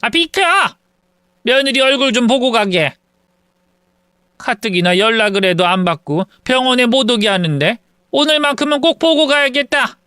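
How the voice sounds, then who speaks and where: A man's voice: very high voice, normal speed, pushed and bright, clean tone, no echo, clean studio sound, pitched above the performer's own voice. A man voicing an indignant, stubborn middle-aged mother who scolds her son with exasperated questions in a storytelling reading.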